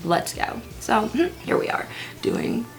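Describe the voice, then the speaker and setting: Doing her makeup at home, this woman in her early twenties keeps up a casual get-ready-with-me chat full of self-deprecating jokes and whispered side comments. She speaks slowly and very animatedly in a slightly high voice with vocal fry. Faint music can be heard behind her.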